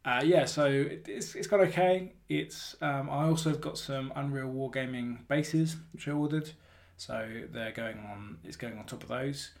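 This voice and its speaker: Male podcast host, medium pitch, casual and halting hobby talk, hallway recording. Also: creaky. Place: hallway of a flat.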